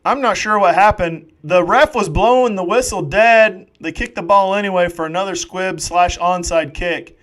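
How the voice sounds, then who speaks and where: A man doing live play-by-play football commentary, excitable and jokey with rambling asides. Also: sits high, moderate pace.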